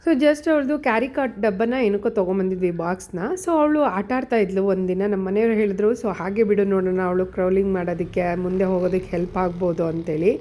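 A woman's voice: medium pitch, fairly even intonation, mellow. A woman vlogger, chatting through a casual voice-over about her day. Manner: chatty, quick, explaining daily routine.

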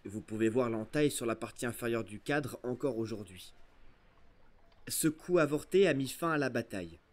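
An audiobook narrator, a man, reads an adventure novel with expressive storytelling. His voice sits at an ordinary middle pitch. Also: normal speed. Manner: expressive storytelling, first-person voice of a boy. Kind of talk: scripted narration.

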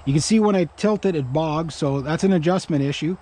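A middle-aged Canadian man with a slightly high voice rambles fairly quickly, thinking out loud as he vlogs. He's outdoors in a grassy yard beside a pickup truck, filming casually on an action camera worn on his body or held at arm's length.

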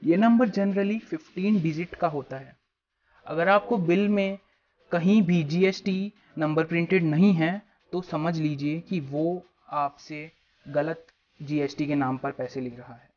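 A young man from India hosts his own YouTube channel, explaining a topic straight to camera in an instructive way and addressing viewers as friends. He sits in a small room before a plain backdrop with a small clip-on mic on his shirt; his fairly high voice has a darkish tone at a measured pace, with highs cut off.

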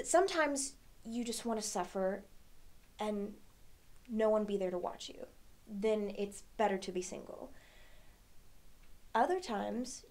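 A young woman performing a dramatic monologue as a troubled, pensive single woman, a halting, searching soliloquy full of hesitant pauses. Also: medium pitch, close to an everyday voice. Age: young adult. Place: indoor studio against a plain backdrop.

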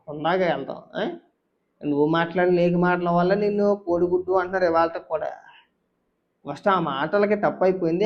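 A man giving a heated political rant, scolding and taunting with rhetorical questions. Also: sits high. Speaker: political commentator. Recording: dull lo-fi sound.

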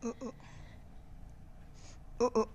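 A woman's voice: very slow, darkish tone, highs cut off, a little hiss or hum. A woman commenting casually while playing a horror game, chatty and rambling. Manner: chatty, rambling, drops to whispers when tense. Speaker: gaming YouTuber. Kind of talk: casual let's-play commentary.

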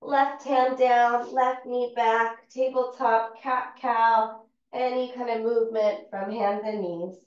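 A woman teaching a yoga class, calmly and steadily talking students through each movement. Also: a little high. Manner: calm, unhurried cueing of movements. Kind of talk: guided yoga class instruction. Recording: far-off, echoey, dull-sounding room recording.

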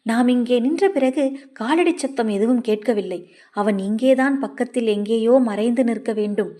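A woman voicing a gentle young male singer. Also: on the high side, moderate pace, lightly acted. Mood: earnest. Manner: soft-spoken, calling out loudly at times. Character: young man, gentle devoted temple singer.

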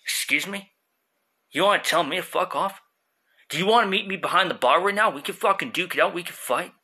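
Husky stoned tough guy, man arguing with himself. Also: sits high, brisk, sharp tone, exaggerated voice. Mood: belligerent. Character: stoned, dismissive, sighing, hostile big tough guy. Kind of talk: comic self-argument skit. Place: small room indoors. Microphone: phone at arm's length.

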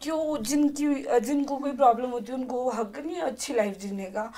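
A woman's voice: high-pitched, normal speed, warm tone. A woman in her twenties from Himachal Pradesh, a podcast guest who talks through a painful personal story in an earnest, heartfelt way, near tears at times. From Himachal Pradesh, India. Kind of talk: emotional personal chat.

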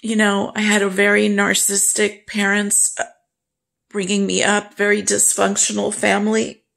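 A woman vlogger telling a personal story to camera in a slow, halting, grief-stricken way. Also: mid-range voice, monotone, gravelly, a bit bright.

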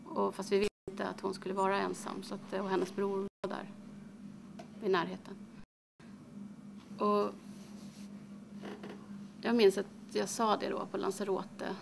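An actress playing a middle-aged grieving mother, speaking haltingly with many pauses in a dramatic monologue. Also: mid-range voice, completely flat delivery, vocal fry, background noise. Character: grieving mother, middle-aged, recalling her daughter's death.

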